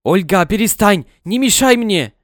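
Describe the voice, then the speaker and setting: Narrator guy as a stern old tutor, formal, pretty lively delivery. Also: on the high side, moderate pace, dry recording, clean studio sound, natural voice. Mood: urgent. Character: stern, guilt-stricken older French tutor.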